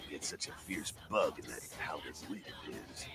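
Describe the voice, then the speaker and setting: Over game music, an actor voices a streetwise, sardonic male vampire rebel leader in a video game, drawling conspiratorially and calling the player "kiddo." His rumbling low voice is creaky yet bright and forceful, with lively intonation at a moderate pace. The delivery is heavily acted and wry.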